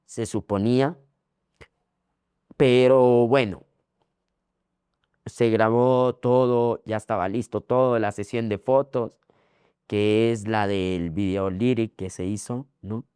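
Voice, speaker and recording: A young man from Ecuador with an Ecuadorian accent, telling his story as a guest in a casual interview, repeating phrases and filling pauses. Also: lowish voice, steady tone, mellow, clean tone, dry recording, clean studio sound. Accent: Ecuadorian Spanish. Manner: rambling, repeats phrases, frequent fillers.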